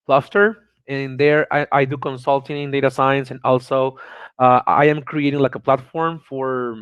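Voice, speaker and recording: A Venezuelan man in his thirties with a Venezuelan Spanish accent gives an online conference presentation, speaking eagerly and often repeating words or restarting. His voice is a little high with a clean tone; the recording is dry, with the highs cut off.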